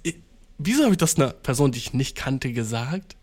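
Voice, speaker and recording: A young man, a podcast host telling a rambling, slangy, self-mocking story in a casual monologue, with loud outbursts and mumbled asides. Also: medium pitch, sing-song, brisk, breathy edge.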